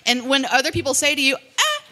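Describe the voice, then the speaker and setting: Woman host, higher voice, bright and blunt, combative comedy debater. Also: animated, fairly quick. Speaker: podcast host. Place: live event room.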